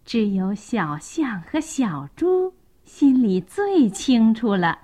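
A woman reading a children's story aloud with expressive, sing-song delivery. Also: on the high side, slow.

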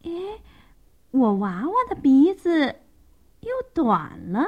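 A woman's voice: high voice, big pitch swings, takes it slowly, darkish tone, highs cut off, exaggerated voice. A woman voicing an anxious mother pig in a children's story, fussing and exclaiming.

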